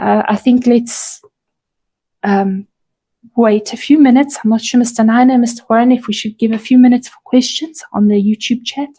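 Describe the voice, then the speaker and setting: A woman teacher briefs parents online in a slightly high, mellow voice. Her voice is strained and failing. She explains step by step, pausing to correct herself. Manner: careful, repeats and self-corrects while explaining.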